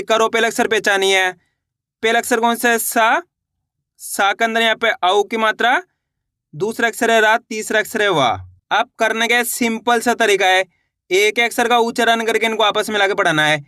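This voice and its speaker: A man teaches beginners to read, his voice high and bright. He asks a question, then answers it himself, and drags out each syllable as he sounds it. The recording is dry and close, with no room sound. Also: no echo. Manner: patient, repeats questions and answers them himself; slows and stretches syllables when sounding out words. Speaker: Hindi teacher. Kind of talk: step-by-step reading lesson.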